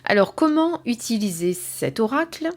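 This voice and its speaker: A woman presenting and reviewing an oracle card deck in a casual, hesitant way, with frequent fillers and soft whispered asides, reading some passages aloud. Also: on the high side, big pitch swings, moderate pace.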